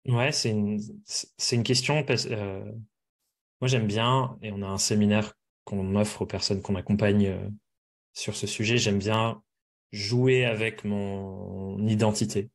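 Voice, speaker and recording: A man with an English accent talks as an interview guest. His voice sits low, and he lays out his ideas in a reflective, conversational manner. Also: fairly even intonation, measured pace. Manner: reflective, explanatory. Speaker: podcast guest.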